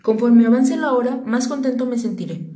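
A woman voicing a wise, gentle male fox in a read-aloud storybook, speaking with a patient, tender cadence. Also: a little high, normal speed, natural voice. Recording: roomy echo.

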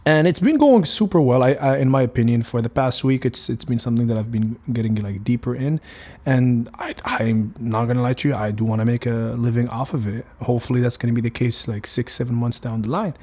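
A young Moroccan man hosts a casual solo podcast, speaking in a brisk, mellow, medium-pitched voice. Arabic is his first language and he has a Moroccan accent. He rambles, restarting sentences and using plenty of fillers.

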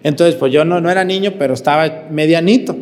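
A Mexican parish priest giving a folksy sermon full of stories and rhetorical asides. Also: male voice, on the high side, quick pace. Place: church. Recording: long church reverb.

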